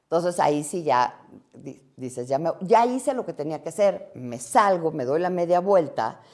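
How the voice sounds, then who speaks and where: Woman telling a story, mellow voice, acts out the back-and-forth. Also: deep voice, normal speed. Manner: lively, acts out quoted dialogue. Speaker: interviewee. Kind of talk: animated storytelling in an interview.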